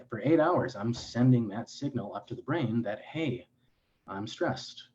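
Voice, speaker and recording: A man's voice: medium pitch, a little mellow, muffled recording, slight background noise. A man speaking as a clinician guest in an interview, explaining in an earnest, lecturing way with frequent restarts and self-corrections.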